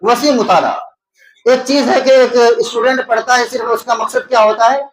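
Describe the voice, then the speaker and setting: In an echoey room, a man with an Indian Urdu accent lectures as a teacher preparing students for exams. His voice is very high-pitched and his tone stays steady. He poses questions, answers them himself, and repeats key terms to explain them.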